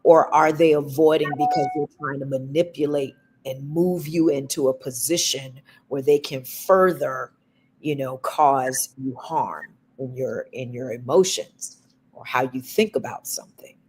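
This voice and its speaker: A woman co-hosting a talk show, giving relationship advice in a slow, deliberate and emphatic way. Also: extremely low pitch, fairly even intonation, darkish tone, slightly rough. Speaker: podcast co-host.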